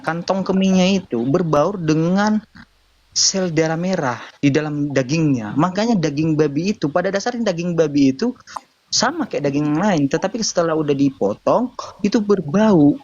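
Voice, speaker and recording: A man's voice: fairly high pitch, animated, unhurried, a little mellow, no room sound, lo-fi sound. A man speaking earnestly in a casual live-stream discussion, explaining his views at length and often addressing listeners as brothers. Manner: earnest, explanatory, repeats "saudaraku". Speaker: convert sharing views.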